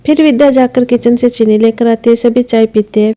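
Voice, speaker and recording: A woman narrates an animated story in a scripted, even way. Her voice is somewhat high but warm and mellow. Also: brisk.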